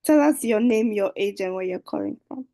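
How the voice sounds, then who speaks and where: A woman's voice: medium pitch, moderate pace, mellow, rough recording. A woman hosting an online dating show over a video call, speaking hesitantly with many fillers. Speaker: host.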